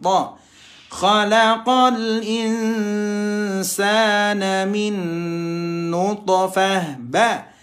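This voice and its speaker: Soft music plays behind a high, slightly bright male voice that stays steady and pauses often. He's an Indonesian man giving a Quran reading lesson, chanting Arabic samples with drawn-out, over-enunciated syllables.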